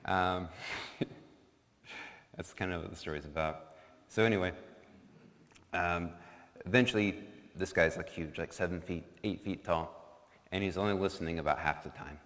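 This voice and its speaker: A man's voice: low voice, measured pace, long pauses, a bit bright. A man telling a folk story to a congregation in a casual, joking way, full of fillers and asides. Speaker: storyteller at a worship service. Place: church sanctuary. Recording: long hall reverb.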